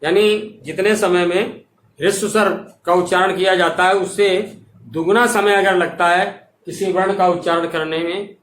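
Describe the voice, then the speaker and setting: A man teaching a classroom grammar lecture, dictating definitions slowly and checking that students follow. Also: sits high, fairly even intonation, a bit bright. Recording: echoey room, voice from far off mic.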